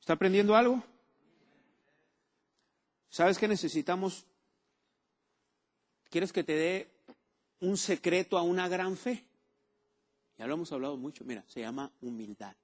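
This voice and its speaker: A man's voice: high-pitched, measured pace, long pauses. A man preaching a sermon, repeating key words and asking the congregation for amens. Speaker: pastor.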